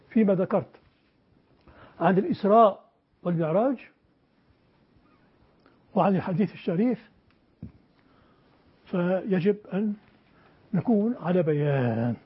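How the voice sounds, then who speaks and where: A man's voice: high voice, slightly rough. An older man teaching a class, speaking emphatically and quizzing his students in a classroom with a board. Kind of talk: classroom lecture. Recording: dull lo-fi lecture recording.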